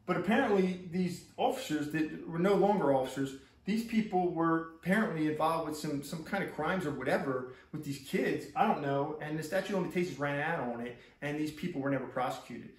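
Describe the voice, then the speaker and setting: A middle-aged police officer talks quickly and rambles through his account. He keeps repeating himself and restarting his sentences. He sits a fair way from the mic in an echoey room. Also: a little high, distant mic. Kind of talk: casual first-person account.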